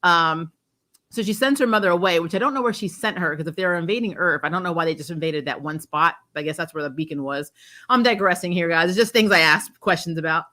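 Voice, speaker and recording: Speaking fast in a lowish, sharp voice, this woman runs a chatty livestream recapping a TV show. Her delivery is informal and giggly, wandering off track and self-correcting as she performs lines from the episode.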